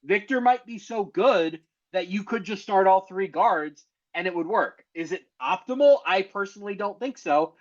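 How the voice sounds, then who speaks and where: A man's voice: high-pitched, lively intonation, moderate pace, hardly any pauses. A man giving casual, opinionated basketball analysis as a podcast co-host, explaining his points with emphasis. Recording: dull, muffled lo-fi audio.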